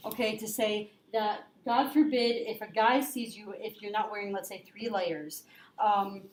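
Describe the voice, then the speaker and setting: A woman's voice: medium pitch, steady tone, a little slow. A woman chatting and debating casually, blunt and informal, peppering her talk with "like" as she raises questions. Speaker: discussion partner posing questions. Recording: echoey room with faint noise.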